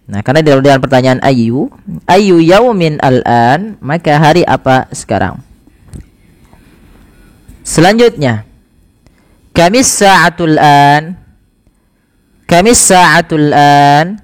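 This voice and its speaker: A man giving a casual spoken language lesson, saying phrases slowly and clearly, then explaining them in an easy, chatty way. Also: fairly high pitch, lively intonation, big-room sound. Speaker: Arabic teacher.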